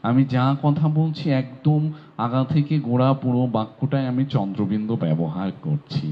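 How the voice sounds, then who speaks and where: A man giving a pronunciation lesson, sounding out words slowly and repeating them with care. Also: mid-range voice. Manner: slow, drawn-out demonstration of sounds. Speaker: pronunciation teacher. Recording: dull lo-fi audio.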